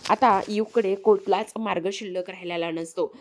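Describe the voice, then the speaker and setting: A woman's voice: medium pitch, fairly even intonation, normal speed. A woman narrating a TV serial episode recap, speaking straight to viewers and leaning on repeated filler words. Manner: addresses viewers directly, repetitive filler words.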